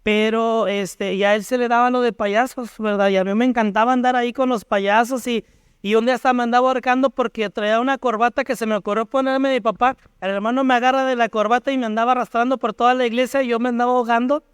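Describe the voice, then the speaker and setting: High, smooth-voiced Mexican man telling a story. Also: fast, dry recording, studio quality. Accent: Mexican Spanish. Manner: lively storyteller acting out remembered dialogue. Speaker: church panelist. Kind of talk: personal testimony at church panel.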